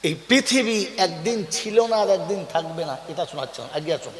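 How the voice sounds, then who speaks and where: High-voiced preacher, echoing sermon. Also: male voice, expressive, normal speed. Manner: calls out questions for the crowd to answer; tells folksy stories with acted quotes. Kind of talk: Bengali waz sermon to a crowd.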